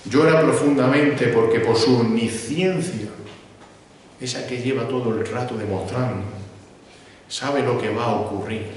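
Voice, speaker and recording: A man's voice: medium pitch, a little hiss or hum. Man, Spain Spanish accent, preacher, sermon, rhetorical questions he answers himself, long hall reverb, distant mic. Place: church sanctuary. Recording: echoey hall, mic far off.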